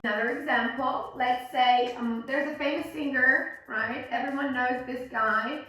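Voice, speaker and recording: An instructor with a high, pushed, bright voice demonstrates American English pronunciation at a measured pace and steady tone, often making sure the learner keeps up. The mic is distant, the room echoes heavily, and faint music plays.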